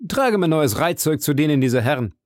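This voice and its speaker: A man's voice: on the high side, animated, brisk, no room sound, pitched above the performer's own voice, natural voice. A refined, vain young musketeer, as a man reading aloud puts him on in a storybook, airy and affected. The voice is raised and swings widely, in a dry close room. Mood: airy lively.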